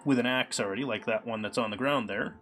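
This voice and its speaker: During a casual live coding stream, a man talks in an easygoing, meandering way, plugging gaps with ums and uhs. His middle-pitched voice is slightly scratchy from a cold, and faint, soft music sits beneath him.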